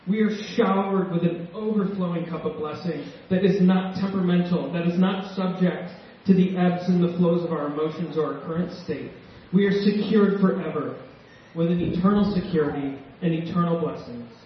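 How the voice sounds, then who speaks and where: A male pastor preaching a sermon with emotion and slow, emphatic pauses. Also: sits high, a little hiss or hum. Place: church sanctuary. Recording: echoey church hall, distant mic, dull sound.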